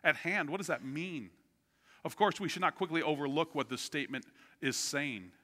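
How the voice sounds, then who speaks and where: A middle-aged male pastor preaching with a bright, forceful voice, pitched a little high. He tells stories animatedly, rising to loud outbursts and dropping to near-whispers. His voice rings with the long reverb of a large church hall. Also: normal speed. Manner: animated storytelling, swings from loud to hushed. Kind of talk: sermon.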